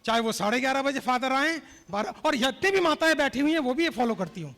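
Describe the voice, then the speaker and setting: A man's voice: very high voice, expressive, fast talker, a bit bright. A male keynote speaker telling anecdotes and urging the audience to respond. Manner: storytelling, prompts the audience to respond. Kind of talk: motivational speech. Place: convention hall. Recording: hall reverb.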